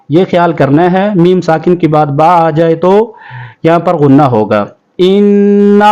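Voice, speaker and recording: Male tajweed teacher, high and resonant, brisk explanations, slow recitation, slightly dull recording. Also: warm tone, clean tone. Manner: alternates quick explanations with slow, drawn-out recitation; addresses children as pupils. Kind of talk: tajweed lesson, spelling out and chanting Arabic words.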